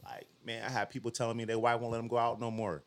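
A young man chatting casually as a guest, an animated storyteller who acts out quotes in slangy speech. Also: mid-range voice, fast talker. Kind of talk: casual conversation.

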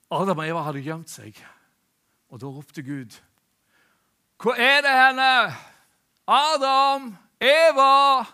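A man's voice: medium pitch, husky. A man preaching a sermon earnestly, asking rhetorical questions and often restarting his sentences.

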